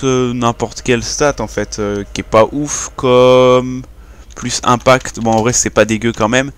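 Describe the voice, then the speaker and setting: A young man casually talking through a game tutorial, hesitating and restarting often. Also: medium pitch. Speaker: gaming YouTuber.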